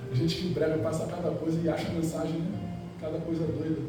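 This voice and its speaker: High-voiced man preaching in an echoey church. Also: fast, recorded from a distance. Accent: Rio de Janeiro Portuguese. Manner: animated, storytelling with acted quotes and rhetorical questions. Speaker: evangelist preacher. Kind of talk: Pentecostal sermon. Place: large church hall. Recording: very echoey church hall, music behind.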